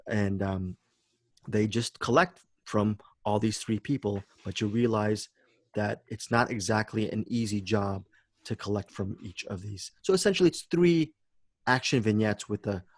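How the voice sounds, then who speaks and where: A man's voice: on the low side, dry recording. A man hosting a film podcast, chatting enthusiastically about a movie and often repeating words as he searches for phrasing. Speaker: podcast host.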